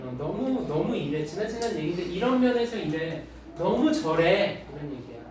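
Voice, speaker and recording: A man's voice: high-pitched, lively intonation, normal speed, crowd noise. A male English teacher lecturing a class, reading English lines, explaining them in Korean and firing rhetorical questions at the students. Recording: echoey room, mic far off, faint noise.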